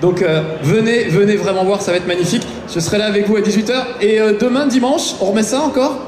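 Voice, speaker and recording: Enthusiastic high-voiced man at an event. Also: fast talker. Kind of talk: casual promotional chat to audience. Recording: echoey, noisy event hall.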